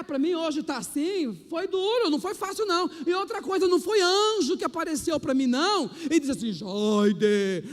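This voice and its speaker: A man who is a pastor, giving an animated testimony sermon and acting out quoted lines with shifts in his voice, recorded in a church hall. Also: very high-pitched. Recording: long hall reverb.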